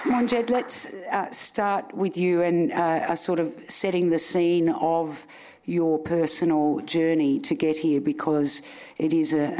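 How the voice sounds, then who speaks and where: Lady host on stage, low flat voice, dry teasing jokes. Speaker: podcast host. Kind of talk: live on-stage interview. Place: live stage event.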